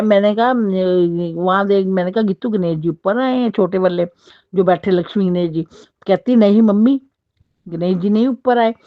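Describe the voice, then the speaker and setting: A woman's voice: mid-range voice, dry recording. An older woman telling a personal devotional story in a rambling, repetitive way, acting out what people said. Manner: rambling, repetitive, acts out quoted dialogue. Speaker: devotee sharing a personal experience. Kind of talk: casual spoken storytelling. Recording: dull lo-fi dry sound.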